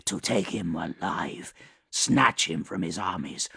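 A man voicing an ancient, menacing male demon lord who speaks in slow, low, measured threats. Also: gravelly, sharp tone, breathy edge, no echo, studio quality, exaggerated voice. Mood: cold, menacing.

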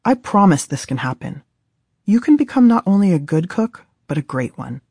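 In a dry recording studio, an American woman in her thirties from Southern California reads her own book aloud as scripted audiobook narration. Her voice is on the low side, very animated, warm and slightly rough, at a normal speed with no room sound.

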